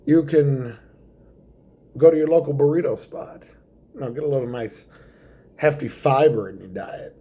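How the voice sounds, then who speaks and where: A man doing a stand-up comedy monologue in a theatrical way, drawing words out for effect and dropping to hushed asides. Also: mid-range voice, normal speed, pauses often.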